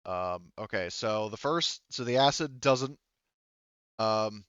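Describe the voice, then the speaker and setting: A game master runs a tabletop session, working through rules and narration as he thinks aloud, halting and casually swearing. His voice is fairly low, smooth and a little bright. The audio has no echo but sounds dull.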